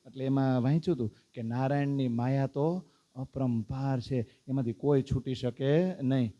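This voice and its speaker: A man's voice: medium pitch, warm tone. A man giving a devotional discourse, telling a story animatedly and asking his listeners questions. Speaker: spiritual teacher.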